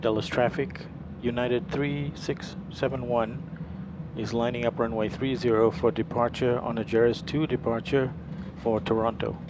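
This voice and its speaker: A man on a headset mic, speaking as a pilot in the cockpit, giving radio calls and callouts in clipped pilot phrasing with some "uh" pauses. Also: medium pitch, fairly even intonation. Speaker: flight sim pilot streamer. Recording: loud engine and air hum behind.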